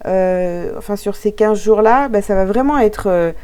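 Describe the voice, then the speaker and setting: A woman's voice: medium pitch, a little slow, mellow, clear, resonant tone. Female card-reading coach; casual, hesitant delivery, talks straight to viewers. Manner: hesitant, many filler sounds, giggly asides. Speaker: coach reading oracle cards.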